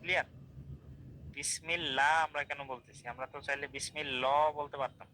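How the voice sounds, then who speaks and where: A man's voice: a little high, steady tone, rapid-fire, sharp tone, a little hiss or hum, poor audio. A man teaching an online class, explaining step by step, repeating drills and asking checking questions. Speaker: Quran recitation teacher.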